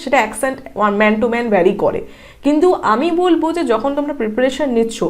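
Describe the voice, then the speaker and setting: A woman from India teaching an online exam-prep lesson, explaining each question step by step and asking the viewer rhetorical questions. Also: high-pitched. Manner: reads English answer options slowly and deliberately.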